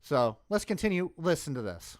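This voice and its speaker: A man's voice: on the high side, sing-song, normal speed, no echo, studio quality. A man hosting a stream, reacting to a video in a blunt, profane casual rant that often breaks off mid-word. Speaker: streamer host.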